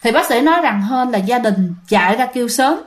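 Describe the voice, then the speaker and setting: Woman telling a ghost story, high voice, chatty, talks right to the listeners. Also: lively intonation, brisk. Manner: chatty, addresses listeners directly. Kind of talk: casual ghost story narration.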